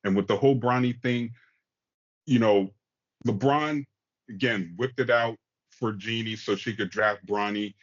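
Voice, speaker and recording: A man's voice: lowish voice, measured pace, long pauses, lo-fi sound. A man ranting casually about basketball, heated and profane. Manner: heated, profane, rising to near-shouting. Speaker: podcast co-host. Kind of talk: casual sports rant.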